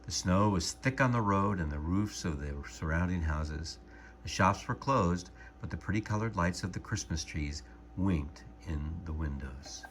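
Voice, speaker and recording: A man calmly and gently reading a storybook aloud as narrator. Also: sits low, a little hiss or hum. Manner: calm, gentle, measured narration.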